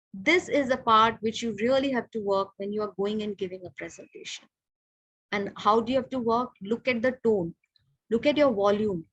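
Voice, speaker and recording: A middle-aged Indian woman teaching how to present, talking in a brisk, direct coaching manner and moving between English and Hindi. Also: fairly high pitch, dry recording, rough recording. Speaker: communication trainer.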